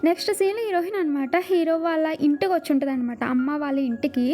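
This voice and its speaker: Fast, chatty woman retelling a drama. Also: high voice, warm tone. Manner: chatty, filler-heavy retelling. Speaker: drama recap narrator. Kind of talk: casual storytelling recap.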